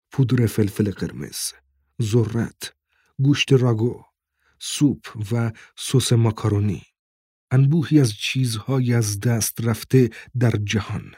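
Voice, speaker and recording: A man with a husky voice reads a novel as an audiobook narrator, in steady, measured scripted narration. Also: mid-range voice, no room sound, studio quality. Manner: steady, measured, descriptive reading.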